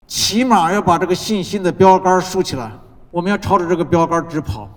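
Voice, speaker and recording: A man preaching a sermon as pastor, building points through rhythmic repetition and dropping from loud declarations to soft, low asides. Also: brisk. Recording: long reverb of a large hall.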